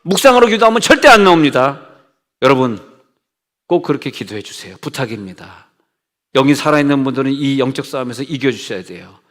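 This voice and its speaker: A middle-aged male pastor preaching a sermon in a conversational way, switching between loud commands and hushed asides. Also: fairly high pitch. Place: church sanctuary. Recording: long church reverb.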